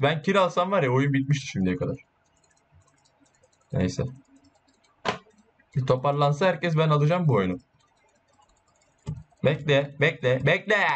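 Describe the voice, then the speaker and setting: A man giving casual, excitable gameplay commentary, boasting and swearing while urging his teammates on. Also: on the high side. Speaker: gaming YouTuber.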